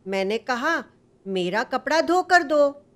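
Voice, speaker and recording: A woman's voice: high voice, expressive, slow. A woman voicing a small, cheerful male mouse who pleads and boasts in a sing-song way. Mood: eager.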